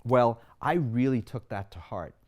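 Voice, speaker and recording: Animated man in his sixties. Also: mid-range voice, unhurried. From Sri Lanka. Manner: animated, explanatory, rhetorical questions. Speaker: physician and wellness speaker. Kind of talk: personal monologue to camera.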